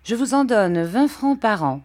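A woman's voice: fairly high pitch, animated, a little slow, darkish tone, pitched above the performer's own voice. A woman voicing a shrewd, mocking old traveling showman in a storybook reading.

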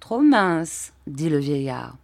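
A woman's voice: sits low, slow pace, creaky, exaggerated voice. A woman doing a sly old showman. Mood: dismissive. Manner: calm, shrewd, mocking. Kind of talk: storybook reading.

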